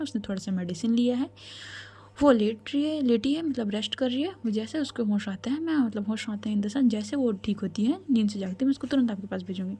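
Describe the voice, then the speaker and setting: A composed woman doctor explains things with steady firmness, read by a woman storyteller in her own voice. The voice is mellow and sits at a middle pitch. She sounds reassuring and clear. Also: natural voice. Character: caring woman doctor, calm, firm.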